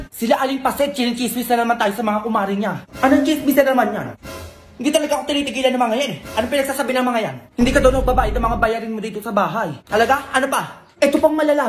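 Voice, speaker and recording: A woman performing comic family skits, switching quickly between bickering characters. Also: a little high. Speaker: comedy sketch creator.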